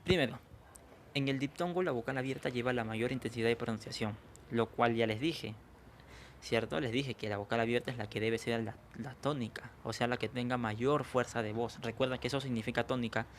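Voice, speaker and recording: A man's voice: mid-range voice, brisk, slight background noise. Spanish-speaking male teacher explaining patiently. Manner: explanatory, checks understanding with frequent questions. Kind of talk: online language lesson.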